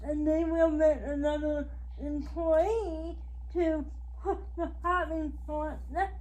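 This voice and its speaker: A woman with a high voice hosts a casual interview and speaks slowly and haltingly. She often chimes in with "right" and "yeah" between her own stories. Her delivery is unhurried and plain. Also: fairly even intonation, darkish tone, rough recording. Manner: frequent short agreements, slow and halting. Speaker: host.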